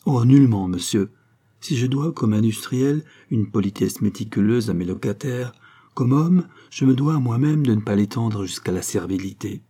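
A man's voice: mid-range voice, animated, moderate pace, dark tone, slightly rough. A man voicing a fawning, sly middle-aged hotel keeper in a storybook reading, obsequious and confiding. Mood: smugly polite.

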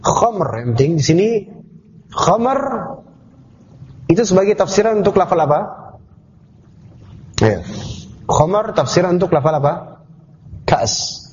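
A man's voice: sits high, animated, measured pace, pauses often, darkish tone. A man teaching a classroom lesson on scripture, explaining terms step by step and asking the class questions. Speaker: Islamic teacher. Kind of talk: classroom tafsir lecture. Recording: dull lo-fi class recording.

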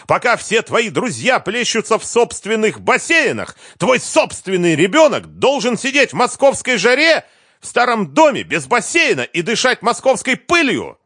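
A man voicing a hysterical ex-wife who shrieks accusations in a high, strained voice. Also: sing-song, moderate pace, no room sound, studio quality. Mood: screaming. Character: shrill hysterical ex-wife, woman, screaming.

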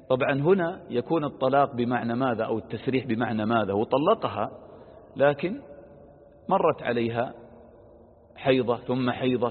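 A man's voice: medium pitch, breathy edge. A man teaching a religious lesson on verses of scripture. He poses questions aloud, answers them with everyday examples, and lifts his voice on the quoted verses. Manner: stresses quoted verses with a raised voice. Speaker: Quran exegesis teacher. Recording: lo-fi phone-like sound with long reverb.

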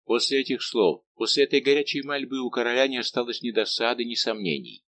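A male narrator reads a classic novel in a measured, expressive voice. His pitch sits in the middle range, and a faint hum runs behind the recording. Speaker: audiobook narrator. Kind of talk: scripted narration.

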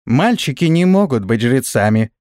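A man voicing a tiny, excitable winged fairy girl who bossily makes herself a priestess, in a shrill, eager voice. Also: moderate pace, dry recording, studio quality, natural voice. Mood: bossy.

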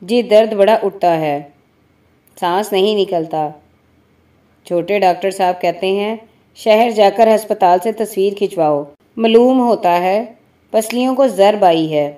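A woman's voice: medium pitch, mellow, lightly acted. A woman voicing a poor, injured male laborer who pleads and frets in a spoken story. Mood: pleading. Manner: whining, pleading.

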